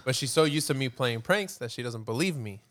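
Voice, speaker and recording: Fast-talking man, casual storytelling. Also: mid-range voice, animated, a bit bright. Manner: brisk, swearing storyteller. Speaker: podcast co-host. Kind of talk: casual chat.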